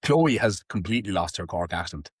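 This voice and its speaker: Low-voiced Irish man, casual chat. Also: a little fast, slightly rough, dry recording, clean studio sound. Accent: Irish, Tipperary. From Ireland. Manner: animated, swears freely, does impressions of accents. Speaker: podcast host.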